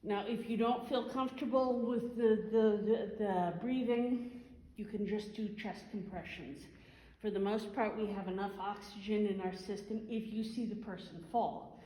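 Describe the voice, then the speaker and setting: A woman instructor giving an informal hands-on first aid demonstration, explaining step by step and halting as she thinks. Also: medium pitch, fairly even intonation, warm tone. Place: large reverberant room. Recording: echoey hall, faint background noise.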